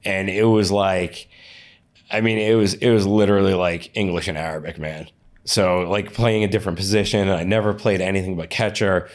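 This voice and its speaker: A man's voice: low voice, fairly even intonation, normal speed. A man in an interview, telling stories casually, often restarting and repeating words. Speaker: interview guest, athlete and coach.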